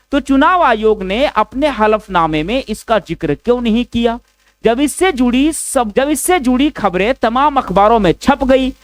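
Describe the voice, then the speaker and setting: Man posing sharp rhetorical questions. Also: very high-pitched, dry recording. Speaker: news commentator. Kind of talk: scripted news commentary.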